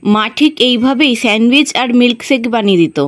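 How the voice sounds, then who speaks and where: A little girl who has lost her mother speaks with quiet grief and resolve, as a woman reads her lines. The voice sits high and is read plainly, without much acting. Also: brisk, lightly acted. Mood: sorrowful. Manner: read out in the narrator's own voice.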